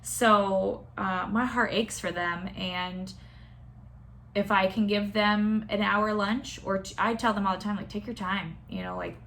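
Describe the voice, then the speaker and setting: A woman's voice: medium pitch, fairly even intonation, a little slow, a bit bright. A young adult woman, a nurse practitioner, talking candidly and casually to a school class, with many fillers and restarts.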